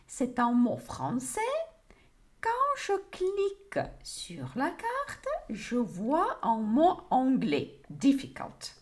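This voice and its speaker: A woman with a French accent teaches vocabulary on a livestream, slow and deliberate, often repeating words so learners can follow. Her fairly high voice rises and falls a lot as she talks. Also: huge pitch swings, darkish tone.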